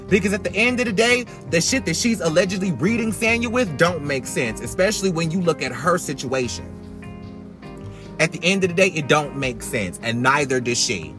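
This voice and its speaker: A man giving sassy, emphatic, opinionated casual commentary as a podcast host, talking loudly as if to be heard over rain. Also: high voice. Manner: emphatic, sassy, swearing freely. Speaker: podcast host reviewing reality TV. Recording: iPhone recording with background music. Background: rain and music.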